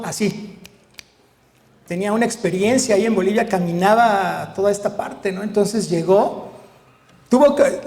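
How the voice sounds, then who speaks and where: A middle-aged man with a Mexican accent, a veterinarian telling lively anecdotes to an audience and acting out the dialogue. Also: high-pitched, big-room sound. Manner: lively storyteller, acts out dialogue, frequent tag questions. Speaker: veterinarian giving a talk.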